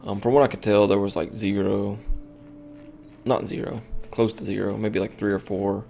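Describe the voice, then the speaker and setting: A man's voice: lowish voice, flat delivery, moderate pace, creaky, mellow, faint music behind. A tired man streaming a game, rambling and thinking aloud with lots of fillers as he comments casually.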